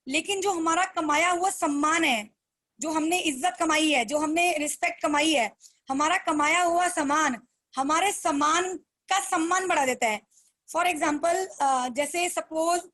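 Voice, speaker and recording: A woman giving a motivational business talk, earnest and coaxing, calling listeners her friends and repeating key lines slowly for emphasis. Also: high voice, fairly bright tone. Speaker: motivational speaker for a direct-selling business.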